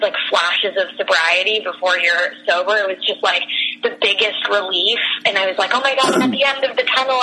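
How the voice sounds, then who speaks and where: A young woman tells a rambling anecdote in a bright, clear voice that sits at an ordinary middle pitch. Her talk is loose and casual, full of fillers and restarts, and she keeps laughing through it. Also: a little hiss or hum, low-quality recording. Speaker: guest telling a personal story.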